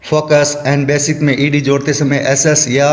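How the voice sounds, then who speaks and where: A man teaching a lesson, slowly and methodically explaining rules and spelling out example words. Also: on the high side, level tone. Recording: echoey room with long reverb.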